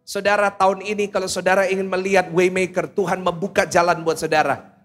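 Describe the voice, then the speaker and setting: A man preaching to a congregation as their pastor, lively and animated, acting out quoted voices and asking questions of the hall. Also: high voice, brisk, faint music behind. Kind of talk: sermon.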